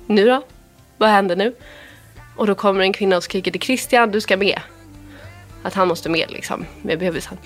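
A woman's voice: lowish voice, a bit bright. A woman in her thirties from Sweden, a podcast guest telling a personal story with feeling. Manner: emotional, quotes others in a retelling voice.

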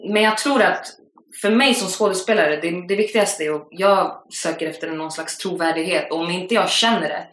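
Young woman guest actress, twenties, low voice, lively slangy anecdotes with English thrown in. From Sweden. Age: 20s. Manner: lively, slangy storytelling with English phrases mixed in. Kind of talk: casual podcast chat. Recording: roomy echo.

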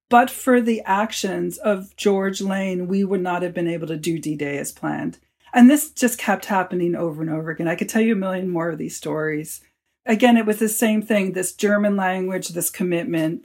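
A man, an author, telling stories as a guest in an interview and acting out the lines he quotes. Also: high voice. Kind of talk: storytelling in a podcast interview.

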